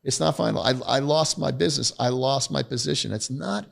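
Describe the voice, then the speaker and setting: Middle-aged male guest, gravelly voice, candid, emphatic storyteller. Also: medium pitch, a little fast. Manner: emphatic, blunt, self-deprecating. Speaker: podcast guest, retired federal agent.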